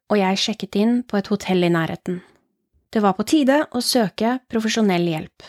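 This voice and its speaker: A woman hosting a horror podcast, reading short scary stories aloud in a slow, hushed storytelling manner. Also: mid-range voice, dry recording, studio quality.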